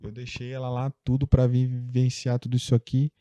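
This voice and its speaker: A man's voice: mid-range voice, monotone, moderate pace, dark tone, dry recording, lo-fi sound. A young Brazilian man, a guest in a casual interview, telling a personal story in a loose, chatty way full of fillers. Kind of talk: casual conversation.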